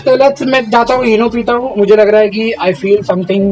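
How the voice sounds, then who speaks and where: A man's voice: high voice, normal speed, music in the background. A young man vlogging casually at home with his family, chatty and comforting, slipping English phrases into his talk.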